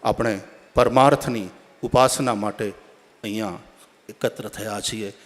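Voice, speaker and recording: A man giving a devotional address at a religious gathering, telling a parable and rising to loud, emphatic appeals. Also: on the low side, steady tone, unhurried. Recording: long hall reverb.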